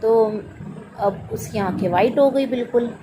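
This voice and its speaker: A woman's voice: fairly high pitch, a little slow, noisy background. A woman, a mother, telling a personal story about her daughter in spoken testimony style, voicing both her own lines and her daughter's as she goes.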